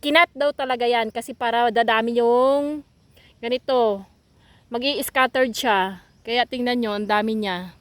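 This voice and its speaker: A woman's voice: a little high, fairly even intonation, unhurried, fairly bright tone, dry recording. A young woman, vlogging casually on a vegetable farm while filming on her phone, chatty and repetitive as she points things out to viewers. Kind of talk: casual walking tour vlog.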